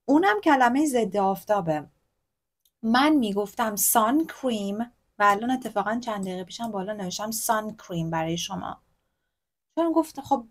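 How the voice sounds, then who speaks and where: Brief: woman English teacher, Persian accent, slightly high voice, slow careful example readings, chatty asides. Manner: reads English examples slowly, explains in Persian; chatty, corrects herself openly. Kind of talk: recorded textbook lesson.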